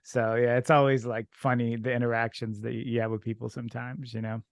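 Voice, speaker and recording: A man's voice: medium pitch, level tone, fairly quick, dry recording. A man from Ukraine whose first language is Russian, hosting a casual podcast interview and rambling with many fillers and restarts. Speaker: podcast host.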